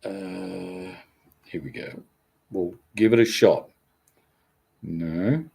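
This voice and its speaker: An older Australian man, a former radio presenter, chatting casually on a live stream, reading out viewer comments in a relaxed, rambling, self-deprecating way. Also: sits low, drawn-out words, creaky, breathy edge.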